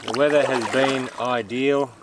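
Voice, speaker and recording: A man's voice: medium pitch, steady tone, a little slow. A man chatting casually and laughing easily while out on a kayak camping trip. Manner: chatty, laughs often, jokey. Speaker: vlog host. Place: outdoors on a lake. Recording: loud outdoor noise, water and paddling.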